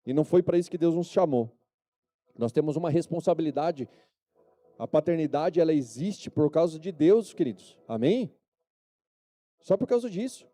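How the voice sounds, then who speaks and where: A man's voice: a little high, lively intonation, normal speed, pauses often, mellow. A male pastor with a Brazilian Portuguese accent preaching a sermon at a church service, often calling for amen and yes-or-no answers from the congregation.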